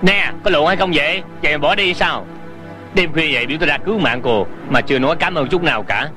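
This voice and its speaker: A man's voice: fairly high pitch, animated, quick pace, lightly acted. A voice actor dubbing a teasing but caring young man who banters with and coaxes a friend, over a music score. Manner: bantering and coaxing. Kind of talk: Vietnamese dub of a Hong Kong TV drama.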